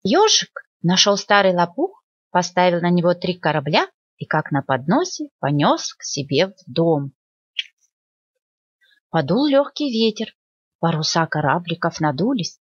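A woman librarian reading a children's fairy tale aloud in an expressive storytelling manner. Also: slightly rough, dry recording. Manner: expressive storytelling, lively pitch. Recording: dull lo-fi dry recording.

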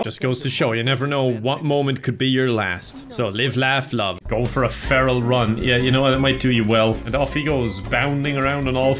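A man doing deadpan, self-mocking comedic commentary over video games. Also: medium pitch. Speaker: gaming YouTuber.

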